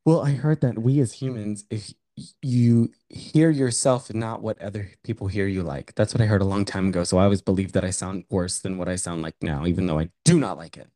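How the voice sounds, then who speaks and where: Man, podcast host, rambling casual talk, somewhat low voice, dry close mic. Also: fairly even intonation, a little fast, hardly any pauses, dark tone, no room sound. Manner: rambling, heavy use of "like" and "um". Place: room in a house. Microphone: condenser microphone.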